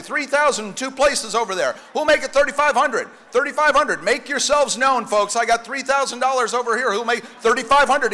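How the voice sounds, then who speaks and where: Guy auctioneer calling bids, high bright voice, repeats himself, ringing hall sound. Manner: repetitive bid-calling, commanding, jokey. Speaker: live auctioneer and event host. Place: large banquet hall at a fundraising dinner. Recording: echoey large hall PA.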